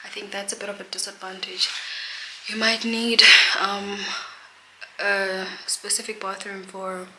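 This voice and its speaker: A woman's voice: medium pitch, flat delivery, unhurried, bright, forceful tone. A young South African woman, a realtor, chatting casually on her vlog, laughing often and slipping in Zulu words. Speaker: realtor vlogger. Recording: echoey rooms with clear noise behind.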